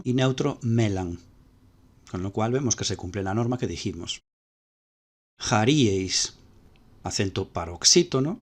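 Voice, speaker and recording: Methodical male Greek teacher. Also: on the low side. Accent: Spanish. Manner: methodical, repeats key points. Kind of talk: explaining grammar over slides.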